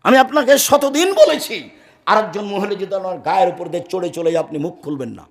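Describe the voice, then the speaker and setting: A man preaching a Friday sermon, forceful and firm, swinging from loud declaiming to low murmurs. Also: lively intonation, brisk, gravelly. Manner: speaks firmly and loudly by habit.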